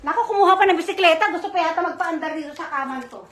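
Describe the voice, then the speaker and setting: A mother hosting a live-stream giveaway, chatting casually and giving shout-outs to viewers as she reads their comments. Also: very high-pitched, racing. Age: adult mother. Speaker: livestream host running a giveaway.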